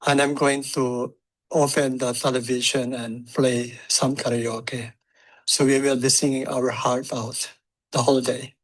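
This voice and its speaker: A man who cared for the departed, giving a halting memorial eulogy in a chapel and often repeating his words. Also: mid-range voice, little pitch movement, rough recording.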